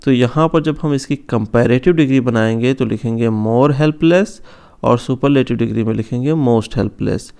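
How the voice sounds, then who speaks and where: A man explains grammar rules to students in a calm, mellow voice. His tone is smooth and resonant, and he slows down carefully over each example word. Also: mid-range voice. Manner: slow, careful stress on example words. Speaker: English grammar teacher. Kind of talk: explanatory online lesson.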